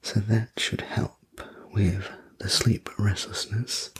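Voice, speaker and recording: A man in a soft, breathy whispered role-play, speaking as a soothing, gentle sleep story narrator and attendant. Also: on the low side, little pitch movement. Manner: slow, gentle, reassuring delivery. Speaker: host playing a sleep room preparation attendant.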